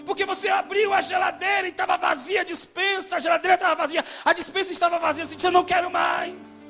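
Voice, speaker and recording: A middle-aged man pastor preaching an impassioned sermon in church, swinging from shouted climaxes to hushed, quiet telling. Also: extremely high pitch, steady tone, fast talker, faint music behind, a faint crowd. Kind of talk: impassioned Pentecostal-style sermon. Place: church before a congregation.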